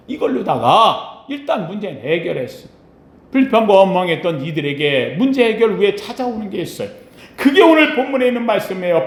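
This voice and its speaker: Animated high-voiced man preaching a sermon. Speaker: pastor. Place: church sanctuary. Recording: echoey church sanctuary.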